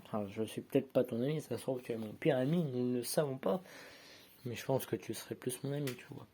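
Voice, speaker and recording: A vlogger at home films himself on a handheld phone, no tripod, while opening sticker packs and chatting casually to viewers. His medium-pitched, warm voice moves fast as he rambles, sorts each card aloud, and pokes fun at himself. There's slight background noise.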